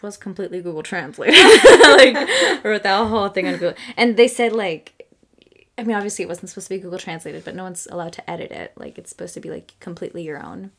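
This young adult podcast co-host talks fast in a medium-pitched, sing-song voice that is gravelly and a bit bright. She rambles casually, laughing and using lots of fillers.

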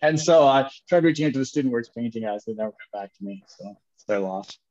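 Guest: man, 30s, upbeat and jokey, mid-pitched, slightly dull lo-fi recording. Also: lively intonation, fast, a little mellow. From Canada. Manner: upbeat, joking, laughs often. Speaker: guest entrepreneur. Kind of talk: casual interview chat. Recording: dull lo-fi sound.

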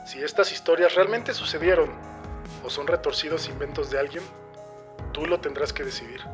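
A man's voice: fairly high pitch, normal speed. A man, hosting a podcast and giving its intro in a formal announcing manner. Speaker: podcast host. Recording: voice over music.

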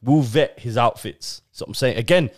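A man's voice: mid-range voice, moderate pace, dry recording, clean studio sound. A young man with a London accent chatting casually as a podcast host, full of slang and repeating phrases for emphasis. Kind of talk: casual banter.

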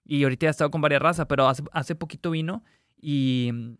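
A man's voice: a little high, fast, a bit bright, no room sound, studio quality. A young man with a Mexican accent, chatting loosely as a label-founder guest in a casual podcast interview, full of slang.

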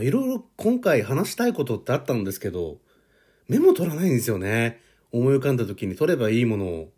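A man in his forties hosts a solo podcast, rambling about his own life in a loose, easygoing, self-deprecating way. His voice is medium-pitched, darkish, and slightly rough.

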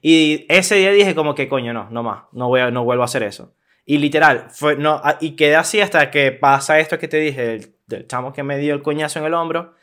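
A young man with a Venezuelan accent, casually telling a story on a podcast, slangy and animated, acting out what people said. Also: a little high, fairly quick. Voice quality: animated, slangy, acts out quoted voices. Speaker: podcast co-host.

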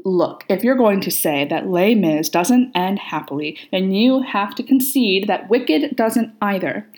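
A woman's voice: mid-range voice, a little slow, darkish tone, natural voice, low-quality recording. Woman voicing a grumbling sardonic male demon. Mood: arguing. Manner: grumbling, argumentative. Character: grumpy, sardonic male demon who argues hotly.

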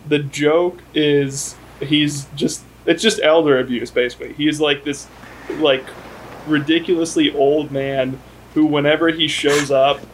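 Animated man laughing through podcast chat. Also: fairly high pitch, unhurried, a little hiss or hum, poor audio. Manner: animated, laughs mid-sentence, many fillers. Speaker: podcast co-host. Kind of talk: casual chat.

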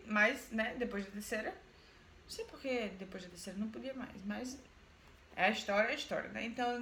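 A woman retells a folk tale in a loose, chatty way, repeating words for emphasis and turning to her listener. Her voice sits on the high side. The room is echoey, with faint noise behind. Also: sharp tone. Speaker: storyteller. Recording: roomy echo, faint background noise.

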